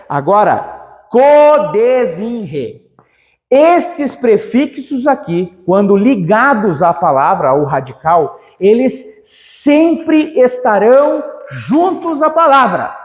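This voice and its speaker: A man teaching a grammar lesson for exams, energetic and playful, stretching out key words. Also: high-pitched, slow pace, big-room sound. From southern Brazil. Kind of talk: exam-prep grammar lesson.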